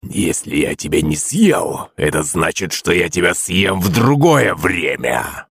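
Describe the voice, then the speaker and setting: A man voicing a menacing pet monster that mutters slowly in a low, quiet voice. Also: sing-song, creaky, breathy edge, no room sound, clean studio sound, heavily acted. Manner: ominous muttering. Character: sinister pet monster, male, grinning and menacing.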